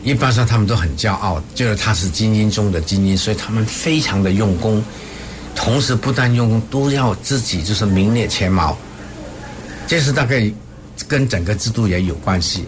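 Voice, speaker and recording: An older man, a professor, answering interview questions in a hesitant, halting conversational way. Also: fairly low pitch. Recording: clear background ambient noise.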